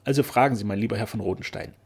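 A man's voice: fairly low pitch, rapid-fire, a little mellow, breathy edge. A man voicing a proud, joyful older duke in a storybook reading, talking in a cheerful, effusive manner.

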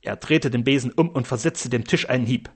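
A man reading a story aloud as narrator, with expressive storytelling. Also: mid-range voice, fairly quick, husky. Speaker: audiobook narrator. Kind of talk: scripted narration.

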